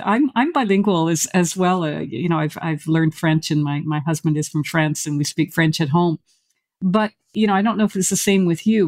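Hosting an interview, a woman who works as an educator speaks with enthusiasm and heaps praise on her guest. She has a lowish, slightly mellow voice, captured in a dry recording.

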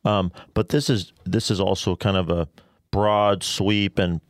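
A man, a radio station manager, guesting on a talk show and explaining at a measured pace with dry wit. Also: sits low, fairly even intonation, dry recording. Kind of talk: casual radio interview. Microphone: studio mic. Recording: dry studio sound.

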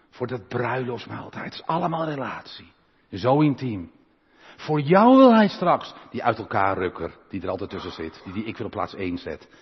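A man preaching a sermon as pastor, earnest, with passages that swell louder and slow right down. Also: fairly low pitch, slightly rough. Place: large church hall. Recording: long church reverb, dull lo-fi sound.

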